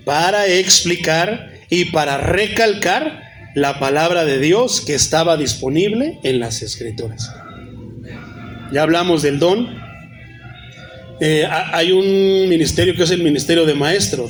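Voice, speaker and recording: A man preaching a sermon, calling his listeners brother and reciting Bible references. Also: high voice. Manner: addresses listeners as brother, cites many Bible verses. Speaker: pastor.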